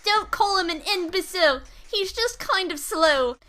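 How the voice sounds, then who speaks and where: A woman's voice: very high voice, animated, unhurried, sharp tone. A woman hosting a let's play, commenting on a game in a gushing, playful, theatrical way.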